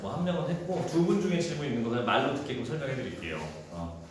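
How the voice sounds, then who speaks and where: A man teaching a high school Korean class, talking casually through exam questions and thinking aloud. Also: lively intonation, very fast. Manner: casual, thinks aloud, acts out quoted dialogue in a raised voice. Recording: echoey room with faint noise.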